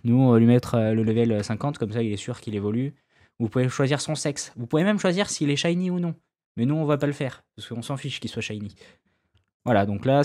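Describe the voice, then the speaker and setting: A man's voice: medium pitch, a little mellow. Casual, slangy man walking through a tutorial. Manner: loose, slangy, with many fillers and restarts; self-mocking asides. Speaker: gaming YouTuber giving a tutorial. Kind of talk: casual screen-recorded tutorial.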